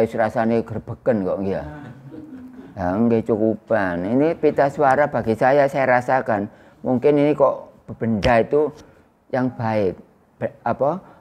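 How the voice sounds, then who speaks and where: A man in his sixties with an East Javanese accent, giving an Islamic study lecture to a small indoor congregation in a loud, projecting voice without a microphone, chatting with his listeners. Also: mid-range voice, measured pace, highs cut off. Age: 60s. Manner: conversational, teasing the audience. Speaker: religious teacher. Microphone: no loudspeaker or microphone used.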